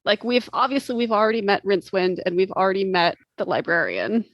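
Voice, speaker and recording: A woman's voice: mid-range voice, animated, fairly quick, no echo, highs cut off. A woman co-hosting a book podcast, chatting casually in a wry, informal way. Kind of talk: casual chat.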